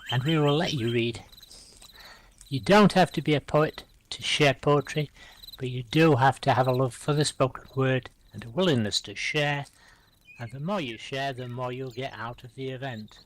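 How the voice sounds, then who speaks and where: A middle-aged man hosting a live-streamed poetry reading, reciting his own rhyming poems aloud and calmly inviting the next reader between them. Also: medium pitch, slight background noise.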